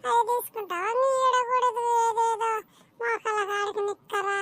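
A woman's voice: very high voice, fairly even intonation, pushed and bright, a little hiss or hum, full character voice. A woman voicing a fussy, scolding village mother in a cartoon. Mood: nagging. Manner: nagging, fretful, quick scolding. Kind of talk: cartoon voice acting.

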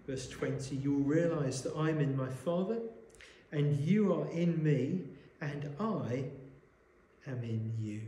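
A man preaching a sermon, explaining a Bible passage in a measured way and asking rhetorical questions, recorded in a church. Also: a little high, dark tone. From Wales. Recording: echoey church room.

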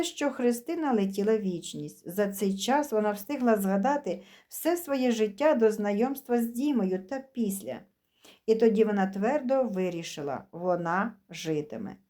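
A woman narrating a dramatic story aloud in a steady, even reading voice. Her pitch sits somewhat high while the tone stays dark and mellow.

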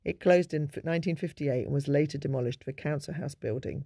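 A man giving a measured, informative narration of local history in a scripted documentary style. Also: fairly high pitch, vocal fry, very noisy.

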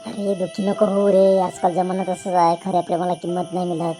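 A voice actor playing an excitable older village man who talks loudly and fusses over his young friend in a cartoon. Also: a little fast, soft background music, natural voice. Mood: consoling. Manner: loud, high, fussing questions. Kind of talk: cartoon voice acting.

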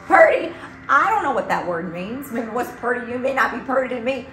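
A woman's voice: a little high, very animated, fairly quick, fairly bright tone. A woman playing a surly, sarcastic young woman. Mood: sullen. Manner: sarcastic, dismissive. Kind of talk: sketch comedy acting. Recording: roomy echo, faint music.

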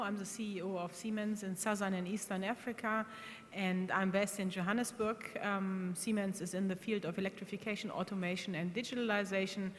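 A woman executive speaking on a conference panel in a measured way, with fillers, into a table microphone. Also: mid-range voice. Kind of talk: panel discussion. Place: conference hall stage, seated. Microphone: table microphone on stand. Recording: hall reverb, faint background noise.

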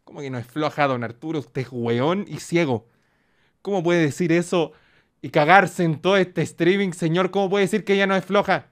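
A young man with a Chilean accent who streams, talking in excited, profane, joking casual commentary. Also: fairly high pitch, moderate pace, soft background music.

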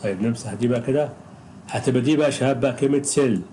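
An Egyptian man gives an English pronunciation lesson in a mellow, relaxed voice. He speaks patiently and says each example word slowly, again and again. A faint hiss sits under the recording. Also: mid-range voice, rough recording. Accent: Egyptian Arabic. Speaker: English teacher.

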